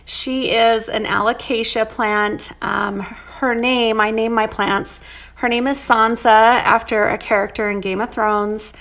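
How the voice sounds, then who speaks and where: A woman's voice: fairly high pitch, steady tone, unhurried, fairly bright tone. A woman in her thirties narrating a casual home vlog, chatty and upbeat with frequent ums. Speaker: vlogger.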